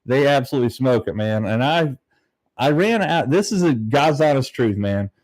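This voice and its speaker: A man's voice: medium pitch, animated, normal speed, a little mellow, no room sound. Man chatting casually on a fishing livestream. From southern Ohio, United States. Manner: laid-back, rambling, peppered with "man" and "dude". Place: very small, bare-walled home room used as a studio, slightly echoey.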